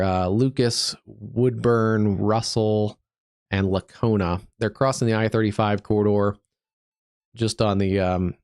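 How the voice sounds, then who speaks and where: A man's voice: on the low side, a little mellow, smooth, dry recording, clean studio sound. Stuffed-up man calling live storm radar. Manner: thinking aloud, easygoing, halting with fillers. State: stuffed up from allergies. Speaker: digital meteorologist, livestream host. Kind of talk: live severe weather stream commentary.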